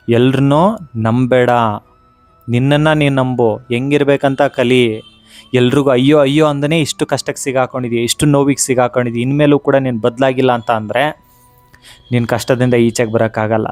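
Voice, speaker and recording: A man gives an earnest devotional pep talk. He speaks straight to the listener in a middle-pitched voice and keeps repeating his key lines to drive them home. The sound is dry and close. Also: dry recording. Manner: earnest, repeats phrases for emphasis; speaks directly to the listener as "you". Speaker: motivational speaker.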